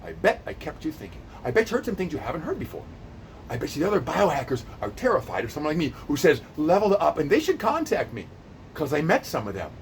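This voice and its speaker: A man's voice: fairly high pitch, wildly swooping pitch, quick pace, slight background noise. A man in his late fifties, a personal trainer, delivering an improvised, intense and direct monologue to camera with a boastful edge. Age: 50s. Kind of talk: improvised high-energy monologue.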